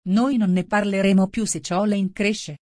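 A polite, curious little girl chatters on in a gentle, coaxing tone, as a woman reads her part. The voice sits mid-pitch and is recorded dry and close. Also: fairly even intonation, moderate pace, no room sound, natural voice. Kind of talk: storybook reading.

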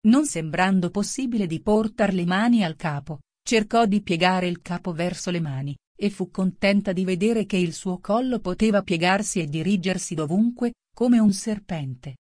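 A woman reading a storybook aloud as narrator, in a steady, measured way. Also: medium pitch, no echo, clean studio sound.

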